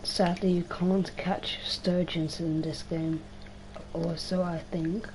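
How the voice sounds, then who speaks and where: A young woman livestreams a game, talking to herself in a rambling, slangy way and swearing now and then, her voice strained and worn out. She speaks slowly and flatly in a lowish, darkish register. The low-quality recording carries slight background noise.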